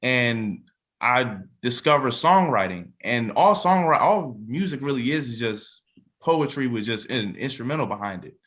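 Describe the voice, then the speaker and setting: Expressive yet measured, a twentysomething man chats in an interview as a cast member, drawing on his work as a musician and songwriter. His mid-range voice is a bit bright, and he often repeats phrases for emphasis.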